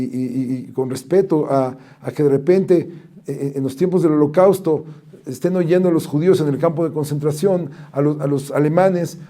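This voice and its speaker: A man, a rabbi, giving a lesson as an animated storyteller who reads out Hebrew and Aramaic quotes. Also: a little high. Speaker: rabbi teaching.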